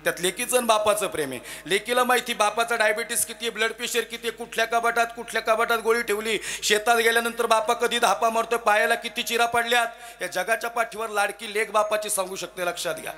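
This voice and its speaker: A man's voice: very high voice, flat delivery, quick pace, hardly any pauses, pushed and bright. A man preaching a devotional kirtan sermon to a village gathering, telling emotive stories, voicing the characters in them and breaking into sung verses.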